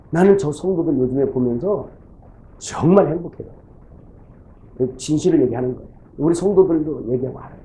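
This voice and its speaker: A middle-aged man delivers a folksy sermon as a pastor, slipping into the voices of his church members as he tells his stories. His voice sits a little high for a man, with a mellow, soft tone. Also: poor audio.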